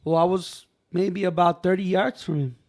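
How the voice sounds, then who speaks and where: A man on a podcast telling a personal story in a casual, animated way, acting out the voices of people in it and dropping in "bro" and "man" often. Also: high voice, moderate pace.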